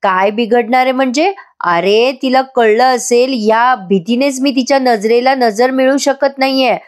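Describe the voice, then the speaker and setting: A woman's voice: a little high, a little slow, voice pushed up, lightly acted. A woman reading the lines of a worried male teacher who feels guilty and defensive, in her own storytelling voice. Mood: anxious. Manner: read out plainly in a storytelling voice.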